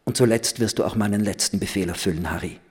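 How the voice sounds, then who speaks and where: A man reading a young woman's lines, playful yet grave and commanding, in a slow, serious, quietly insistent way. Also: fairly low pitch, breathy edge. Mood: earnest, commanding.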